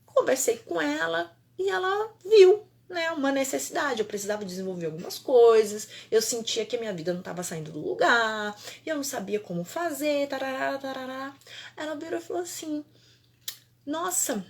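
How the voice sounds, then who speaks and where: Animated Mineira woman telling her story. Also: high voice, a little fast, creaky. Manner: animated, emphatic, repeats phrases for effect. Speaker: holistic therapist. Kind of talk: personal storytelling to camera.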